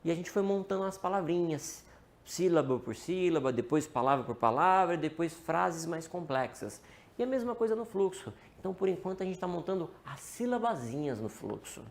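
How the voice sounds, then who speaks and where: Brazilian man, live trading teacher, lively up-and-down delivery, talks straight to the chat. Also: fairly high pitch, normal speed, vocal fry. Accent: Brazilian Portuguese. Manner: animated, asks and answers his own questions, calls out to viewers. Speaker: day trading instructor. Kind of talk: live-streamed trading lesson.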